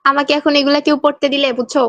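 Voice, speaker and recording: A woman's voice: sits high, completely flat delivery, very fast, dry recording, muffled recording. A young woman from Bangladesh teaching an online exam-prep class, quizzing students and reading their answers aloud with a playful, teasing manner.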